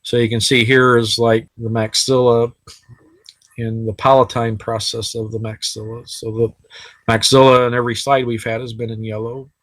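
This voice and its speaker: A man's voice: medium pitch, flat delivery, normal speed, fairly bright tone, no room sound, low-quality recording. A man teaching anatomy in a casual, chatty recorded lecture over slides, with frequent fillers. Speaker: anatomy instructor. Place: sitting while recording.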